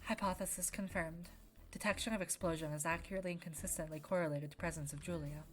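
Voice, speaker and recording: Woman reading a deadpan young lab scientist, low and level. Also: fast, close to an everyday voice. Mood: clinical.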